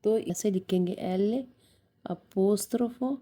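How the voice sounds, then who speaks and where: Slow, mellow-voiced woman teaching. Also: mid-range voice, steady tone. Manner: spells out and repeats words slowly. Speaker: Italian language teacher. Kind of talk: slow language lesson.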